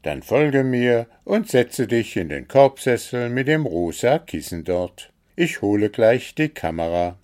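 A man's voice: mid-range voice, big pitch swings, measured pace, hardly any pauses, darkish tone, voice pushed up. A man voicing a fussy, easily exasperated male kobold in a storybook. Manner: exasperated, grumbling. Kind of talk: storybook character voice.

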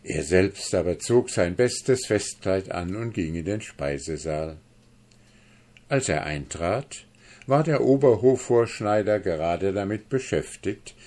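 A man narrating a fairy tale in a measured audiobook reading. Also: fairly low pitch, darkish tone. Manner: measured, storytelling.

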